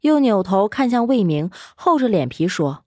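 Expressive female audiobook narrator. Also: mid-range voice, normal speed, no room sound. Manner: expressive, storytelling. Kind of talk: scripted novel narration.

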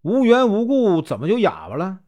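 A man's voice: high-pitched, wildly swooping pitch, moderate pace, a little mellow. A man with a Northeastern Mandarin accent voicing an eccentric, jovial wandering monk who talks bluntly and offhandedly. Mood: offhand.

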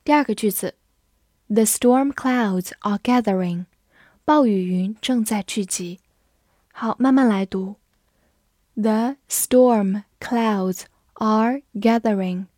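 Slow, careful woman teaching English words. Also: mid-range voice, a little mellow, no echo, studio quality. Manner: spells words letter by letter and reads example sentences slowly. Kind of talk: vocabulary lesson.

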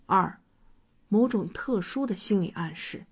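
A woman reads a story aloud for practice with a husky, slightly breathy voice. Her delivery is even and measured, keeping to one steady tone. She sounds like a student trying out her reading. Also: mid-range voice. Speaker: student reader.

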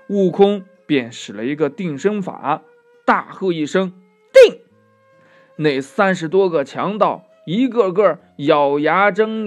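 A man narrating a children's classic tale, gentle and chatty, with asides to his young listeners. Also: a little high. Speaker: storyteller.

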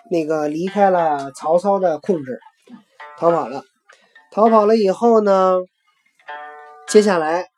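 Casual female history host, Beijing accent, lowish relaxed voice, animated retelling, faint music behind.

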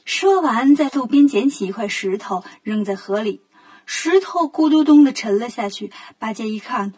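A woman telling a children's story as the show's host, gentle and expressive. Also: fairly high pitch, moderate pace. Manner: gentle, expressive, clearly paced.

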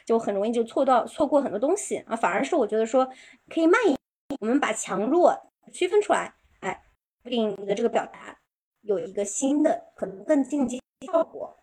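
A woman teaching English pronunciation in a live-stream lesson. She explains patiently with many drawn-out filler particles and slows down to model English sentences. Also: fairly high pitch, expressive, darkish tone, breathy edge.

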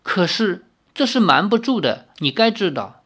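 A reader voicing an elderly male healer who speaks in a formal, measured, old-fashioned way. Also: medium pitch, very animated, a bit bright, breathy edge, voice pushed up. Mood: earnest. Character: elderly male village healer, courteous and grave.

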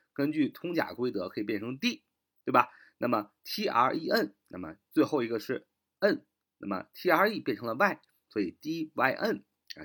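Husky-voiced guy teaching english words, spells em out letter by letter, lots of "ah" fillers, lively pitch. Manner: frequent filler "啊" and "那么". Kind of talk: online vocabulary lesson.

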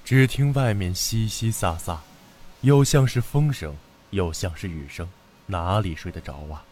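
Expressive man reading a children's story. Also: deep voice, unhurried, slight background noise.

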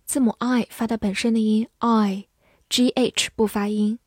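A woman teaching English vocabulary in a scripted lesson. She spells words letter by letter and reads example sentences slowly. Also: a little high, flat delivery, darkish tone, no echo, studio quality.

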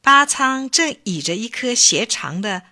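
A woman tells a children's folk tale in a clear, expressive storybook manner. Her reading is slow and unhurried, with a bright tone and a pitch that moves a lot.

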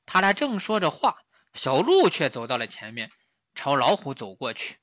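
A man narrating a children's story in a lively, animated way. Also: on the high side, moderate pace, no room sound, highs cut off.

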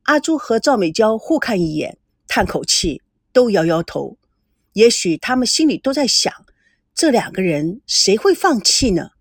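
Expressive woman reading an audiobook. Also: mid-range voice, moderate pace, slightly rough, no room sound, studio quality. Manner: expressive, storytelling. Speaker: audiobook narrator.

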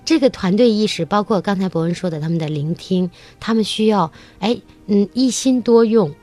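Speaking at a moderate pace in a mid-range voice, an adult woman who teaches children's musical theatre and has a young child chats eagerly as a talk-show guest. Her storytelling is lively, with acted-out quotes, and faint music plays behind her.

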